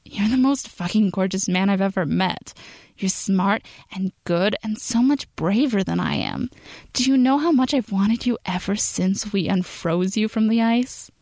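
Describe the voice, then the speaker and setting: A woman voicing an anxious, lonely male inventor who talks roughly and hesitantly, in a storybook reading. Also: medium pitch, expressive, unhurried, a little mellow, no room sound. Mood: earnest.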